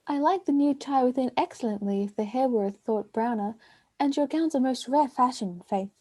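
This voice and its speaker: A chatty, teasing waiting-woman, read by a woman in an amateur online play reading. Her voice sits high yet sounds soft and mellow, and she rattles through long speeches. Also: moderate pace.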